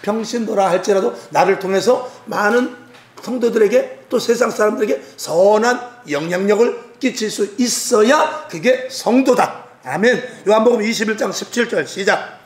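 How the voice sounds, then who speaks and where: A man's voice: high voice, normal speed. A male pastor preaching a Wednesday sermon, exhorting his congregation and acting out biblical scenes. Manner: exhorting, acts out biblical dialogue, jokes. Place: church sanctuary. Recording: echoey church hall.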